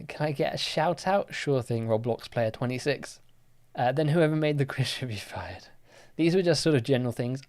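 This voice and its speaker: A young man hosts a live-streamed quiz in a relaxed, chatty way. He drifts between reading questions and answering viewers with easygoing fillers. His pitch sits right in the middle for a man. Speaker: livestream quiz host.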